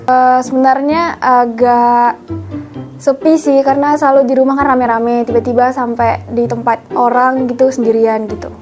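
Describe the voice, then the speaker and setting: Seorang wanita berusia dua puluhan asal Kabanjahe, mahasiswi, menjawab wawancara dengan ramah dan banyak bercerita. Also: female voice, on the high side, fairly even intonation, normal speed, a little mellow, faint music behind. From Kabanjahe, North Sumatra. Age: 20s. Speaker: university student. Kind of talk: casual interview answers.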